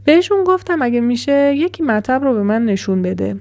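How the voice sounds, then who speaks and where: A woman narrating a first-person horror story in an even, measured way as storyteller. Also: a little high.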